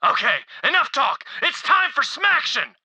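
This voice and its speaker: An actor playing a dim, boastful bandit who rambles fast about his scheme in a game audio log. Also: very high voice, big pitch swings, sharp tone, no echo, exaggerated voice. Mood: scheming. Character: dim, boastful bandit man sneaking into an arena.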